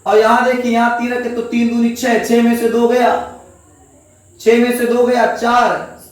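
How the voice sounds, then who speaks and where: A high-voiced man teaching chemistry with a lilt, coaxing his students along and echoing every answer back as a question. He sounds set back from the mic in a very echoey room. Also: completely flat delivery, measured pace, distant mic. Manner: coaxing, repeats each answer as a question to the class. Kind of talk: classroom chemistry lecture.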